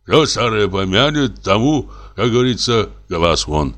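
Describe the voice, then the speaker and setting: A man's voice: fairly low pitch, very animated, unhurried, fairly bright tone. A man reading a hearty, fussy elderly male postmaster who speaks in a familiar, wheedling way. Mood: tender.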